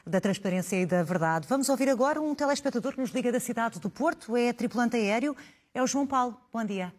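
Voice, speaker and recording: A woman anchoring a live TV news programme, introducing callers in a brisk, polished way. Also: a little high, expressive, darkish tone.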